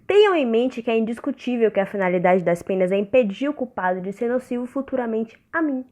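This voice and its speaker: A woman's voice: on the high side, lively intonation, quick pace, a little mellow, lightly acted. Solemn, stern voice of the Law, a woman acting. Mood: stern, formal. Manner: declamatory, formal. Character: the Law personified, solemn, stern, self-declaring female authority. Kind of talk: theatrical radio drama monologue.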